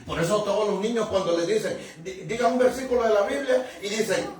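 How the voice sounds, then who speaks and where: A male pastor preaching a conversational Bible sermon, often chuckling, addressing the congregation and rising to sudden shouts for emphasis. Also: sits high, a little fast, distant mic. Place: church sanctuary. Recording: very echoey room, mic from afar.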